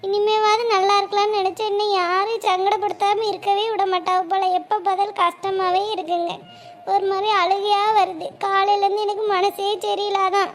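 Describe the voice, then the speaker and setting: A woman voicing a sad, tender young wife in a cartoon, talking softly and pleadingly. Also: very high-pitched, little pitch movement, fairly quick, slight background noise. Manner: soft, pleading, sighing.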